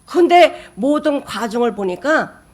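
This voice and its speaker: A woman pastor preaching a sermon in a fairly high voice. She drives her points home with sudden loud, rising bursts, then drops to quiet, almost whispered asides. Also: animated, a little slow. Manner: emphatic, with sudden rises in pitch and loudness.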